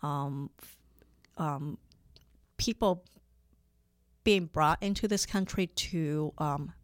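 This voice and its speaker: Interview guest: woman, 40s, from Hong Kong, lawyer; lowish voice, hesitant and full of fillers. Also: slow pace, dry recording, studio quality. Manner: hesitant, many fillers and restarts. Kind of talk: conversational interview.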